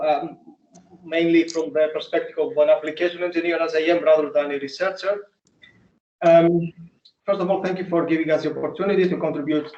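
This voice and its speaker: A man's voice: a little high, mellow, recorded from a distance, dull audio. Man presenting over an echoey video call. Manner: halting, polite presenter. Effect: video call audio. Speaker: application engineer presenting at a workshop.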